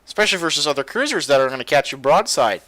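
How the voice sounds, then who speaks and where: Young guy rambling about a game, bright tense voice, dry close mic, gets loud and hyped. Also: a little high, rapid-fire, dry recording. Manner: excitable, rambling, gets loud when animated. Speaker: gaming video host. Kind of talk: casual gameplay commentary.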